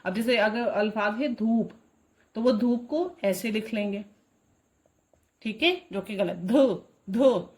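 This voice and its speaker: A woman teaching parents a writing activity for children. She keeps asking a quick "okay?" and says sample words slowly and firmly, repeating them. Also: on the high side, a little mellow. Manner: checks in often with a rising question. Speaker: homeschooling mom teaching Urdu writing. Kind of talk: instructional tutorial addressing parents.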